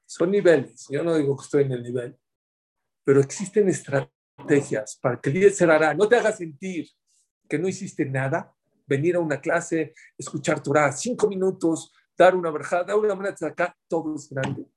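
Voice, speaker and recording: A man teaching a religious class in an animated way, telling stories and asking his listeners questions. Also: on the high side, moderate pace. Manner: animated, asks the audience questions.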